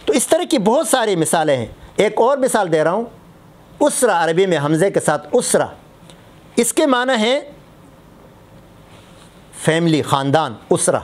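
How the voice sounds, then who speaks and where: A man's voice: sits high, big pitch swings, pauses often. A man, a mufti, giving a religious lesson on prayer recitation, explaining patiently and repeating example words to contrast them.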